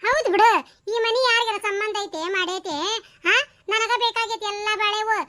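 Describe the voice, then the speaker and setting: A woman plays a sharp-tongued old village wife in a cartoon comedy, speaking with a North Karnataka Kannada accent. Her very high, bright voice keeps snapping back with mocking retorts. She nags her husband without letup. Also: fairly even intonation. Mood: scolding. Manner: nagging, mocking, quick retorts.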